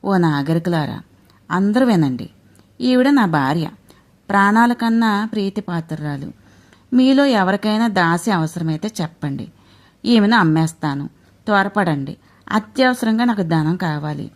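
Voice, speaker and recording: A woman's voice: on the low side, unhurried, pauses often, lightly acted. A woman doing a despairing righteous king. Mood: anguished. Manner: anguished, self-reproaching.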